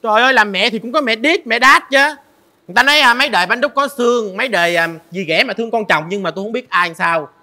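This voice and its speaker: A woman playing a bright-voiced, pleading stepmother. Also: fairly high pitch, quick pace. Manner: emotional, preachy pleading. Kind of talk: comic web drama acting. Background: background music.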